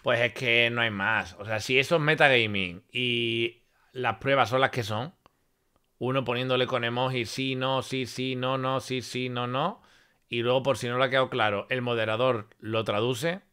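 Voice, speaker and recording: A man weighs in calmly and explains his point. His voice is smooth and clear, with a bright edge. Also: mid-range voice, moderate pace. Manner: calm, explanatory. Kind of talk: measured commentary.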